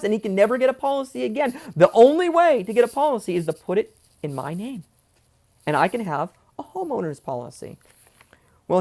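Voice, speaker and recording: This vlogger is a young man with a high, darkish voice. He rants angrily, cursing and drifting onto tangents.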